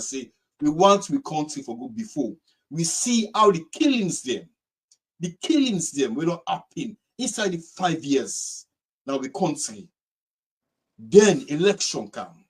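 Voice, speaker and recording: Husky Sierra Leonean man hosting political talk. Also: on the high side, very animated, measured pace. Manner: emphatic, repeats phrases. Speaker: host of a live political discussion. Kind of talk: informal political talk in Krio mixed with English.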